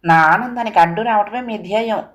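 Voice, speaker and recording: A woman's voice: mid-range voice, brisk, muffled recording, lightly acted. A woman voicing a proud, defiant young wife who answers back sharply. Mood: angry. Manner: sharp, scornful retorts.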